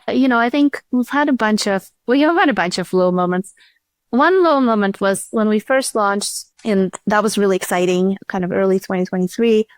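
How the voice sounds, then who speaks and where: A woman's medium-pitched voice, recorded with no echo. Guesting in an interview as a startup chief executive, she chats casually, repeatedly restarting sentences and leaning heavily on fillers.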